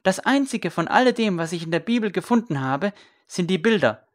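A woman's voice: on the low side, lively intonation, moderate pace, voice pushed up. A woman voicing a young man, a former royal scribe, zealous and defiant, speaking earnestly and fervently.

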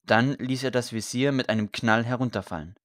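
A man narrating a story in a measured, steady way. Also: medium pitch, dry recording, studio quality. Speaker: audiobook narrator.

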